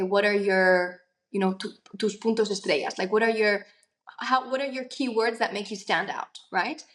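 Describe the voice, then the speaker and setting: In a mid-range voice, a young adult actress and singer speaks earnestly during a conversational interview. She thinks out loud as she goes, her speech full of fillers.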